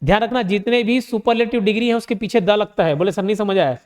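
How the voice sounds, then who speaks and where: Indian guy teaching grammar online, high voice, asks then answers himself, lots of reverb. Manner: explains by asking and answering his own questions, reads examples slowly. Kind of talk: online exam-prep lesson.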